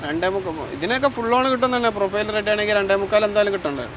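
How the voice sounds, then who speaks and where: A man's voice: high voice, animated, very fast. A man with a Kerala Malayalam accent gives car details casually in short, often repeated answers, mixing English terms into Malayalam. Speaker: used car dealer. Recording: outdoor street noise, clear traffic.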